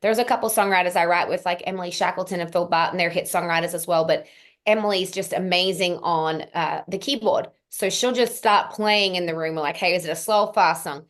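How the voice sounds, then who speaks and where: A young woman with a fairly low, fairly bright voice talks a little fast as a singer-songwriter guest in a casual interview. Her accent combines Australian and American, and her chatty answers run on long, filled with ums.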